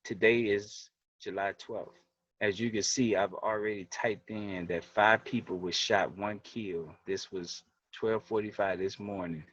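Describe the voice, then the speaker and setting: Earnest low-voiced man presenting. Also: steady tone, unhurried, a bit bright, slightly rough, dry recording, muffled recording. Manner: earnest, walks through web pages on screen. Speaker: community organization leader. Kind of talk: livestream presentation.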